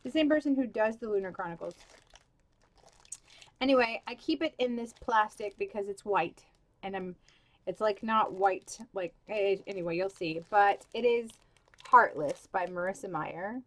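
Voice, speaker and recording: A woman's voice: medium pitch, moderate pace. A young woman talking casually to camera about book covers, gushing, with lots of "like" and "um", with the hiccups. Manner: gushing, filler-heavy, with many "like" and "um". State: has the hiccups. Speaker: book vlogger.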